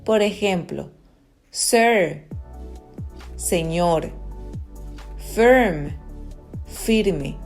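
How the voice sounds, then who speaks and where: A woman reads a scripted pronunciation lesson at an extremely slow, deliberate pace. Her pitch sits in a middling range, and each example word is set apart with care. Faint music plays underneath. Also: darkish tone. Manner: slow, measured, reading example words aloud. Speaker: language teacher.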